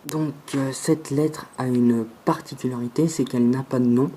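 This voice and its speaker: Male teacher, unhurried drill of letter sounds, dark relaxed tone, faint background noise. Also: medium pitch, low-quality recording. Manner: slow and deliberate, repeating each sound several times. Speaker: language teacher. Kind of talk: alphabet pronunciation lesson.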